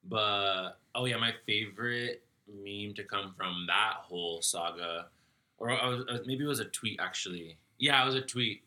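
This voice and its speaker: A man's voice: on the low side, moderate pace, bright, forceful tone. A man co-hosting a podcast, reacting to gossip in casual chat, swearing offhandedly. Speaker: podcast co-host.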